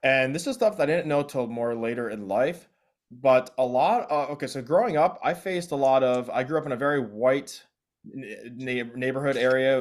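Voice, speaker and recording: Earnest man. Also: medium pitch. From South Korea. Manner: earnest, reflective, restarts phrases often. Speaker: guest DJ. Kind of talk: casual interview chat.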